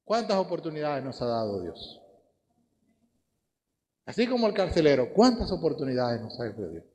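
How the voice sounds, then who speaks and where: Man, Dominican Spanish accent, preacher, high animated voice, church hall reverb. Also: normal speed. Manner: lively, rhetorical questions to the congregation. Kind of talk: sermon.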